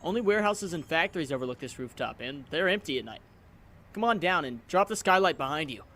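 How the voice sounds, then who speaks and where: Spider-Man, a man acting a theatrical, high-pitched young superhero. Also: animated, fast, bright, forceful tone, a little hiss or hum. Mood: wry, breezy. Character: earnest young male superhero, self-doubting and wry. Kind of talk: comic book dub voice acting.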